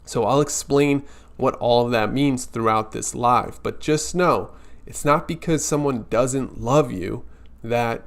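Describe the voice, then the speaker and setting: A man's voice: mid-range voice, unhurried, creaky. Earnest man hosting a live stream. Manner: earnest, reassuring, speaks directly to viewers. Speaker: health coach hosting a weekly live stream. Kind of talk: casual live-stream talk.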